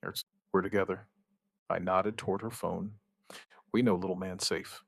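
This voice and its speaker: Recorded dry and up close, a low, gravelly male voice tells of an outbreak's first days as a steady survivor who protects his partner. Quiet understatement and plain, measured sentences give it the feel of an apocalyptic audio drama, with a firm, reassuring mood.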